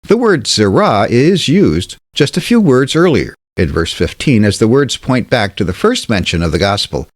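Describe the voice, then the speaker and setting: A man giving a scripted Bible study talk, measured and emphatic, slowing down to stress key words. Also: medium pitch, sing-song, dry recording, studio quality. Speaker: Bible teacher.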